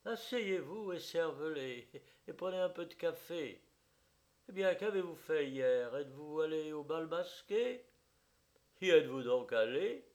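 A flighty young beauty, as a male reader puts her on, pitched well above his own voice and lively in her swings. She is capricious and quick to take offence, huffing at every objection in this storybook scene. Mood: distracted. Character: young pretty woman, flighty and petulant. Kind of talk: audiobook character voice.

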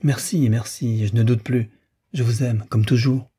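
Guy reading a lovesick young gent in an audiobook, earnest and pleading, dark breathy voice. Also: medium pitch, fairly even intonation, unhurried. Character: lovesick, tormented young gentleman.

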